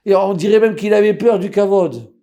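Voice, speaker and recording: Man, rabbi, storytelling sermon, mellow tone, fairly high pitch, swings from loud to hushed. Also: moderate pace. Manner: animated storyteller, acts out voices.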